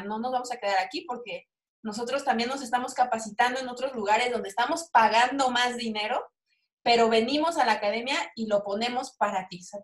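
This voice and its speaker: A Mexican woman with a fairly high voice gives an energetic, persuasive sales talk about online business. Her delivery is full of rhetorical check-ins. The room around her sounds noticeably echoey. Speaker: online marketing coach.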